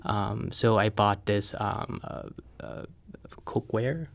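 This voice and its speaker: A man from Thailand, a guest on a radio interview, speaking in a halting way with simple phrasing. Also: lowish voice, vocal fry. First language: Thai. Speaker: guest, home cook. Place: radio studio.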